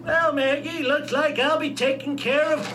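A man's voice: very high voice, fairly even intonation, normal speed. An actor playing a cranky, rambling old grandfather in a cartoon comedy. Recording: noisy theme park ride audio. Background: clear noise and ambience.

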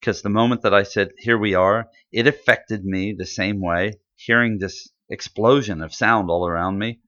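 Deep-voiced man chatting casually. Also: normal speed, a bit bright. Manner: rambling, enthusiastic, many fillers. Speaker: podcast co-host. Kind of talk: casual chat. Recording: dull lo-fi audio.

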